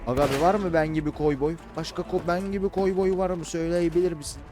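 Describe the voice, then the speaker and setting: Young man, let's-play commentary, slangy chatter, bursts of yelling, slightly high voice, loud game music and gunfire behind. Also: fast talker. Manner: excitable, shouts and yelps during fights. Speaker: gaming YouTuber.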